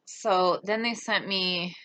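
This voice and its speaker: Indignant woman, bright voice. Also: fairly low pitch, steady tone, slow pace. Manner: indignant, reads quotes aloud, frequent fillers. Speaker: political commentary host. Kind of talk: casual political commentary.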